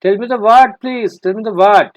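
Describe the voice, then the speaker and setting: Slow-spoken male teacher. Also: high voice, highs cut off. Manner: firm, repeats prompts, mixes English and Bengali. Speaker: English teacher. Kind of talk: online class quizzing children. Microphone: video call.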